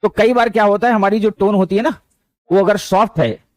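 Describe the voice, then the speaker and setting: This man talks briskly in a high, darkish voice with fairly even intonation, and there's no echo. His motivational lecture relies on storytelling, told conversationally with anecdotes and bits of English.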